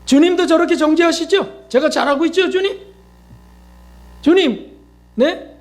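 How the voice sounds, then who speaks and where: A male preacher acting out a whiny, self-righteous churchgoer pleading with God in a high, sing-song voice. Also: measured pace.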